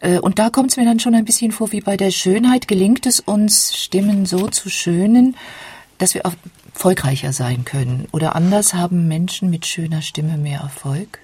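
A woman's voice: on the low side, normal speed, warm tone, no room sound. A woman hosting a radio book discussion, introducing guests and asking follow-up questions. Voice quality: very husky, breathy. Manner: inquisitive, asks follow-up questions. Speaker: radio host.

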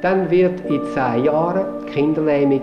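Man, pediatrician, 1950s tv broadcast, fairly high voice, roomy and dull archive sound. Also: normal speed, music in the background. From Switzerland. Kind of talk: formal statement on television.

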